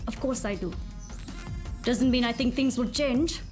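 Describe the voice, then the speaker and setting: A woman's voice: fairly high pitch, measured pace, a little mellow, soft background music, lightly acted. A woman playing a caustic, scornful, sarcastic workshop boss in a video game. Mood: grudging, sardonic. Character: foul-mouthed, scornful female boss of a robot workshop. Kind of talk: video game character acting.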